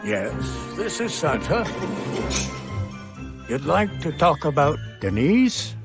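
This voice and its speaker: Santa Claus for a Christmas greeting: jolly and kindly, highish voice, faint music underneath. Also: male voice, big pitch swings, takes it slowly, vocal fry, heavily acted. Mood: kindly, curious. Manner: hearty, chuckling, theatrical. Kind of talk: personalised Christmas video greeting.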